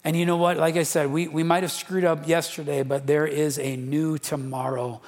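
A man's voice: on the high side, flat delivery, normal speed, darkish tone. A man preaching a sermon as a pastor, casual and fervent, with slangy asides. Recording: long reverb of a large hall.

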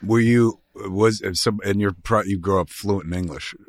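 A man's voice: on the low side, fairly even intonation, moderate pace, dry recording, studio quality. A man hosting a casual podcast chat, asking questions with joking, profane asides. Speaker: podcast host.

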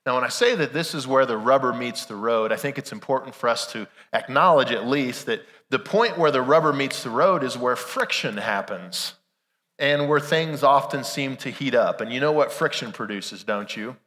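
A male pastor delivers a conversational Sunday sermon with a bright, forceful edge on a voice weakened and strained by illness. He leans on rhetorical questions, and his mid-pitched words ring through a long church reverb. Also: normal speed. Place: large church room during a service. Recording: reverberant hall sound.

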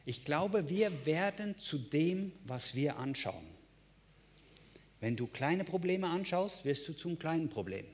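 Emphatic preaching man, fairly high voice. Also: animated, takes it slowly. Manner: emphatic preaching with repeated phrases and direct address. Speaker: pastor. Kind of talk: sermon.

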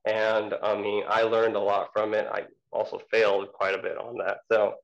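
A man's voice: on the low side, level tone, normal speed, vocal fry, highs cut off. A man, an ultrarunner guest, answering interview questions in a casual, hesitant way with many ums and restarts.

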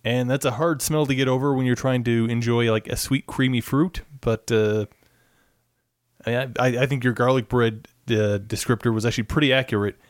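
A man co-hosting a casual podcast, dry and teasing in manner. He speaks at an average pitch, and the sound is dry and close. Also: fairly even intonation, moderate pace, no echo. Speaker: podcast co-host. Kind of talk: casual chat.

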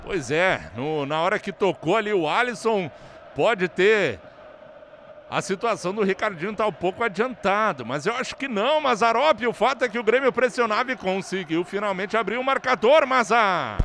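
A man's voice: high voice, lively intonation, moderate pace, fairly bright tone, slight background noise. A man doing live radio play-by-play of football in a theatrical way, drawing out words in goal calls.

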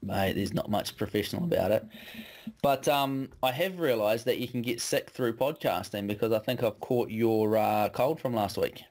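A man hosting a casual podcast, easygoing and friendly, his voice slightly hoarse from a cold. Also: on the low side, moderate pace, a little mellow. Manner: easygoing, friendly, restarts often. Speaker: podcast host and performance coach.

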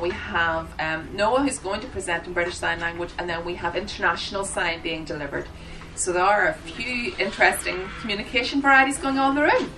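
A woman with a mid-pitched voice interprets aloud for a seminar. She delivers announcements to the room in halting, separate phrases. The microphone sits some way off, and there is faint noise in the background. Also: bright, forceful tone, far from the mic, poor audio. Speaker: sign language interpreter voicing the signers. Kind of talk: spoken interpretation of a seminar introduction. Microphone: microphone at the front of the room.

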